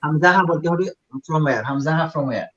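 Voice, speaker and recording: A man's voice: a little high, normal speed, fairly bright tone. A man with a Sylheti accent teaching Quran recitation in a live online class, patiently drilling sounds and mixing in English. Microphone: video call. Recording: dull lo-fi video call audio.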